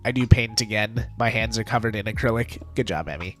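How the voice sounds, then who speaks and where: A man's voice: lowish voice, brisk, a bit bright, soft background music. A man streaming a game live, chatting casually with viewers and laughing often, his voice stuffed up from allergies. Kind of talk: casual live-stream chat while gaming.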